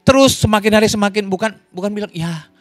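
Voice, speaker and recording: A man preaching a lively sermon as pastor, in an online church service, joking and laughing with the congregation. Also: moderate pace, no room sound. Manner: animated, wide pitch swings, jokes and laughs.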